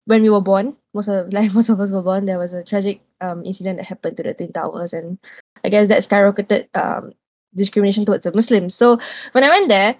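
A woman's voice: mid-range voice, steady tone, fairly quick, darkish tone, no echo. A young woman in her twenties with a Singaporean English accent, telling a story in a loose, rambling way on a casual podcast.

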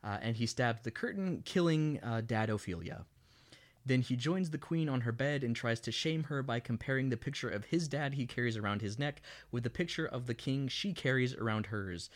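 A man's voice: mid-range voice, moderate pace. Sarcastic man recapping a film. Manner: sarcastic, mocking recap with hammy quoted lines. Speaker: podcast co-host recapping a film. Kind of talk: casual comedic chat.

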